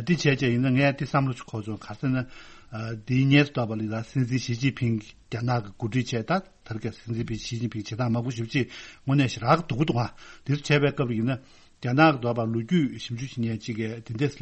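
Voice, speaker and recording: A man speaks alone about world affairs. His husky, breathy voice sits at an ordinary pitch. His sentences run on into one another. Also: darkish tone. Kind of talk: solo talk on world affairs.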